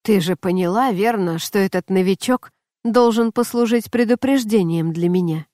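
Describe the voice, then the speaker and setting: A wistful young male sprite of the stage speaks quietly and musingly, as a woman reads him in her own dark, mellow voice. The storybook recording is dry and close, with no room sound. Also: medium pitch, moderate pace, no echo, close to an everyday voice.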